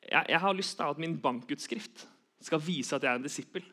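A man's voice: on the high side, sharp tone. A young man giving an earnest sermon, repeating key phrases for emphasis. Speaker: preacher.

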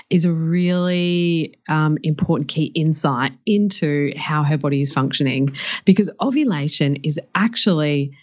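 A woman with an Australian accent co-hosting a podcast in a casual, conversational style. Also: sits low. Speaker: podcast co-host. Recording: slightly dull, lo-fi audio.

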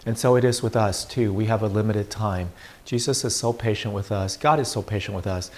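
Low-voiced man preaching as a priest. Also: fairly quick, darkish tone. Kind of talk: Gospel reading and informal homily.

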